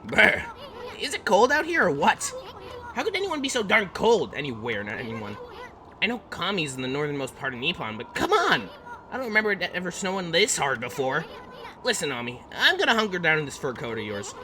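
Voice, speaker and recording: A man voicing a tiny brash male sprite companion in a video game, loud and griping, with game music behind him. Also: high voice, wildly swooping pitch, brisk, a little hiss or hum, pitched above the performer's own voice, exaggerated voice.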